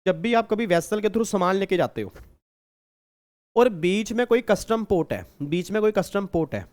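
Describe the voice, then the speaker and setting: A man from India teaches customs law to an online class, keeping his voice high and smooth. He repeats each point and quizzes the students. He also teases them as he goes. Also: animated, normal speed, a little mellow. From Kurukshetra, India. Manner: teasing, repetitive, asks the class questions. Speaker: tax teacher.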